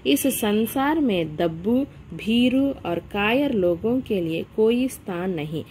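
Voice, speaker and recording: A woman's voice: medium pitch, lively intonation, slow pace, slight background noise. A woman reading as a stern male employer. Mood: lecturing. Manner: sharp, lecturing, stern. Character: stern adult male employer scolding governess.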